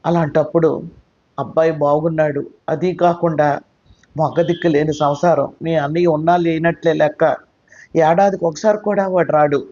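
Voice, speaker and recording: A woman's voice: low-pitched, steady tone, normal speed, warm tone. A man voicing an anxious, tearful middle-aged mother who pleads with worry, in a slightly muffled recording. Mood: pleading. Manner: pleading, worried.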